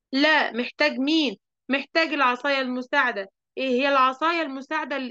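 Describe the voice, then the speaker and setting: A woman with an Egyptian Arabic accent, a teacher telling a story to children in a lively way and asking them questions. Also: fairly high pitch, dry recording, dull audio.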